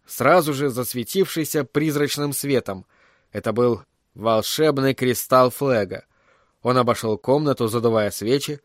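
A man's voice: medium pitch, no echo. Man narrating a storybook, dry sound. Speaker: audiobook narrator.

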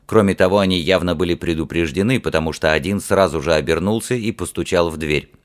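A man narrating a fantasy audiobook in a measured, even storytelling manner. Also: low voice.

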